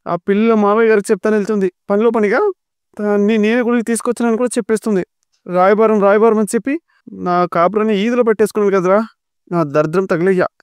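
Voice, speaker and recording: A man voicing a quick-tempered village woman who scolds and calls names in a shrill voice. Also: steady tone, a little mellow, clear, resonant tone, dry recording, lightly acted. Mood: scolding. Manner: shrill, scolding, name-calling.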